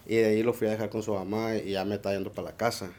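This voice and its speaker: A man's voice: fairly low pitch, little pitch movement, very fast, a little mellow. A young man, recounting events casually in a loose storytelling way with frequent fillers and English words mixed in. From Laredo, Texas border region. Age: young adult. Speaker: local resident rescuer interviewed.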